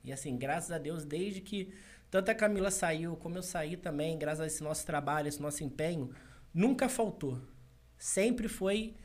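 A man's voice: a little high, expressive, normal speed. A young adult man, a business consultant co-hosting a podcast, telling a personal story in casual conversation, acting out quoted dialogue and laughing often.

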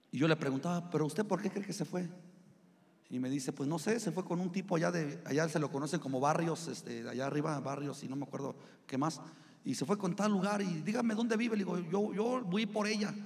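Mexican male pastor, high voice, chatty storytelling sermon, reverberant church hall. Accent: Mexican Spanish. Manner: conversational preaching, addresses listeners as brothers. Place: church sanctuary.

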